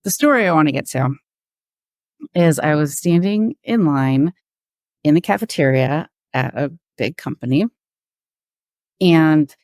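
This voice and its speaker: Woman, low voice, dry sound, animated storyteller, mimics quoted voices. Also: clear, resonant tone, dry recording. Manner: animated, acts out quoted voices, frequent fillers. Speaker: guest. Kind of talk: conversational interview storytelling.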